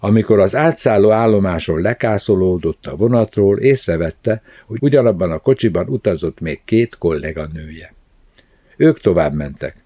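A man calmly reading a novel aloud as narrator. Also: low voice, dry recording, studio quality. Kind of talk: scripted audiobook narration.

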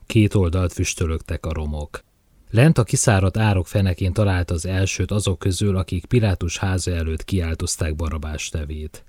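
A man reading a literary short story aloud in a solemn, measured way. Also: sits low, a little mellow, no echo. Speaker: reader.

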